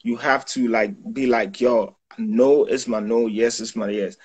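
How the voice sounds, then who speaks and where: A young self-taught photographer and videographer from Ghana chats casually in an interview over a video call from a small indoor room. His husky, darkish voice sits at medium pitch with fairly even intonation and an unhurried pace, and he keeps dropping "yo" and "you know what I'm saying."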